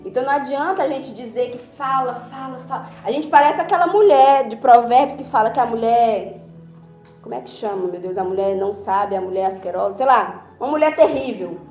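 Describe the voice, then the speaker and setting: A woman's voice: a little high, a little fast, darkish tone. A woman pastor preaching a conversational sermon, acting out little dialogues along the way. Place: church hall. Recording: roomy church hall with faint music.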